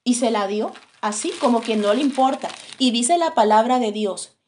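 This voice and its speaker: A woman's voice: a little high, moderate pace, darkish tone, a little hiss or hum. A woman preaching a sermon, retelling a story in a conversational, storytelling way to her congregation.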